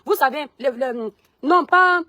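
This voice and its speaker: A woman, telling a personal story straight to her followers in an animated way. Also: on the high side, quick pace, no echo. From Cameroon. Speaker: vlogger. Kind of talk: personal testimony to viewers.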